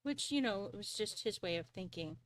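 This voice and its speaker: An earnest woman speaking at an ordinary, mid-range pitch, sharing a personal story with candor. She chuckles now and then and often restarts her sentences as she reflects. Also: expressive, fairly quick. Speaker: live stream host.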